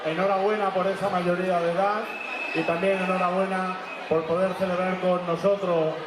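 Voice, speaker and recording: A man's voice: high-pitched, little pitch movement, normal speed. A man with an accent from Spain, giving a public address at an event. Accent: Spanish from Spain. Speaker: event speaker. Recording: echoey, very noisy crowded event.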